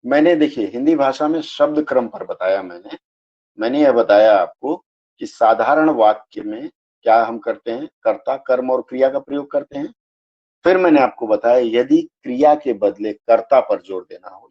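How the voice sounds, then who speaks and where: Male teacher, online class, patient step-by-step explainer, low warm voice, dull lo-fi audio. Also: slightly rough. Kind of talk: live online grammar class.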